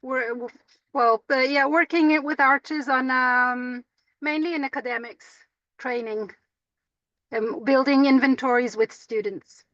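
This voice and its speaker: A woman from Israel joining a meeting by car speakerphone while driving, talking in a hesitant, halting way. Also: high voice, a bit bright, dry recording, lo-fi sound. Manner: hesitant, halting, with short laughs. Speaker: meeting participant from an antiquities authority. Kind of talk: casual introduction in a video meeting.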